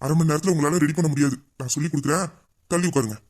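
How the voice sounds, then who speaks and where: Here a man with a slightly high, steady voice talks very fast as a flirtatious male boss in a Tamil audio drama. He's the romantic lead, teasing a staff member in a playful, bossy mood.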